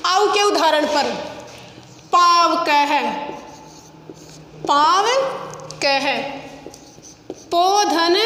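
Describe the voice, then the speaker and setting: A woman teaching an online grammar class, slowly spelling out examples and repeating each one step by step. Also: very high-pitched, bright, forceful tone. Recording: echoey room with long reverb.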